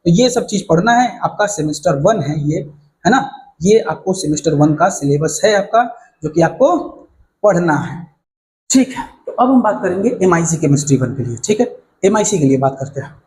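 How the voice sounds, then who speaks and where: A male teacher walking students through a syllabus in a casual, fast-talking way, often checking that they follow. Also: a little high, lively intonation, a little mellow, slight background noise, rough recording. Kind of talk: casual syllabus walkthrough lesson.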